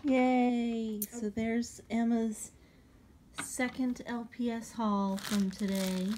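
A woman's voice: on the high side, steady tone, slow, noisy background. A woman casually chatting off camera, prompting her daughter with easygoing questions during a home video. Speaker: parent filming her daughter's toy haul.

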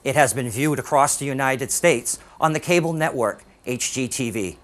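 Guy reading a formal tv intro, mid pitch, plain delivery. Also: lively intonation, moderate pace, fairly bright tone. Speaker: announcer. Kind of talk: scripted introduction.

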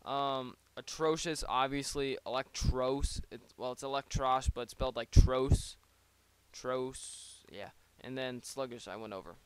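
Rambling man, smooth close-mic voice. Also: mid-range voice, fairly even intonation, unhurried. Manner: rambling, self-interrupting, joking asides. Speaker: league player. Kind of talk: casual play-by-play of his own online battle. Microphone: close desk microphone.

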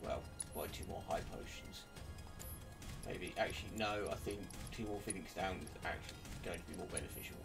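A man's voice: deep voice, fairly quick. A man giving casual let's play commentary as a game streamer, with game music behind him. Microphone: seated before a webcam.

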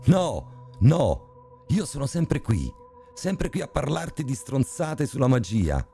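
A man voicing a deranged old woman obsessed with occult magic, talking in a shrill, frantic, cackling way. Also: sing-song, takes it slowly, creaky, warm tone, faint music behind, full character voice. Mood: taunting.

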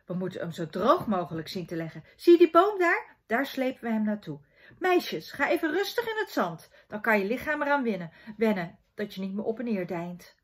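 A woman's voice: medium pitch, sing-song, fairly quick, slightly rough. A woman reading aloud and voicing a cheerful, encouraging father who talks to his children in an upbeat, coaxing way. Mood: cheerful, urging.

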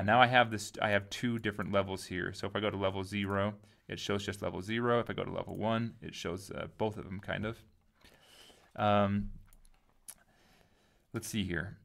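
A man casually talking through a software tutorial, thinking aloud and often trailing off into quiet asides. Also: low voice, gravelly. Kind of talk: casual screen-recorded tutorial.

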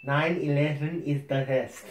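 A man's voice: fairly high pitch, steady tone, unhurried. A man in his twenties with slurred, garbled speech from a mouthguard, playing a casual word challenge. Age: 20s. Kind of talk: casual party-game challenge banter. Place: small bare indoor room at a table. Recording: echoey room.

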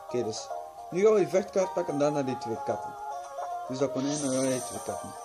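A man's voice: medium pitch, expressive, fast. A drowsy young adult man giving casual gameplay commentary, rambling and muttering to himself with some swearing. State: tired, drowsy. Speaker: gaming video host. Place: small room at home. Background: game music.

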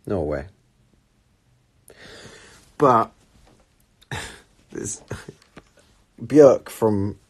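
A man's voice: low voice, husky. Young man chatting on a phone livestream. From England. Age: young adult. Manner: chatty and animated, reads out viewer comments. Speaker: livestream host answering viewer questions. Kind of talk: casual chat. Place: small room indoors, seated on red sofa. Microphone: phone at arm's length.

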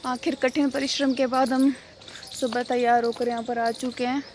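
Young woman, rambling vlog to camera, flat tone, noisy outdoor phone recording. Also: fairly high pitch, normal speed. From India. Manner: chatty, rambling, filler-heavy. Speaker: vlogger. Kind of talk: casual vlog talk to camera. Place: outdoors on a quiet railway colony road. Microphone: phone held at arm's length.

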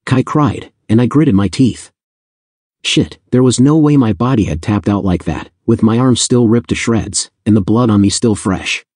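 A man's voice: fairly low pitch, moderate pace, a little mellow, husky, dry recording, clean studio sound. A man narrating a first-person fantasy audiobook in an intense, blunt, casually profane storytelling manner.

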